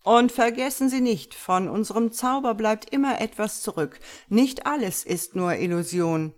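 A woman reading an audiobook voices a theatrical male stage magician announcing loudly to an audience. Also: on the high side, animated, normal speed, voice pushed up, close to an everyday voice.

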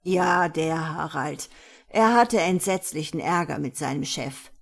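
A woman's voice: deep voice, a little slow, vocal fry, exaggerated voice. A woman reading an audiobook voices a spry, nervous old lady who meddles in a plot. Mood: scheming. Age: older.

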